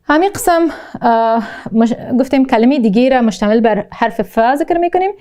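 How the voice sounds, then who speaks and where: A woman with an Afghan Dari accent teaching a recorded language lesson, slowly repeating each word twice and explaining with frequent hesitations. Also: a little high, animated, warm tone. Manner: slow, deliberate pronunciation drills, repeating each word twice. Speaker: Arabic teacher.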